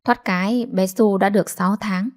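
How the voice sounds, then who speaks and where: A woman narrating a family story in a steady, measured storytelling voice. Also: medium pitch. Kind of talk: scripted narration.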